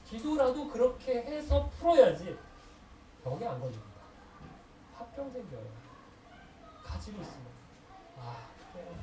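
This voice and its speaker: A woman's voice: mid-range voice, dark tone. A woman pastor preaching a sermon in an emphatic, conversational way, asking the congregation rhetorical questions. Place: church sanctuary. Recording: echoey room, voice distant from mic, noisy.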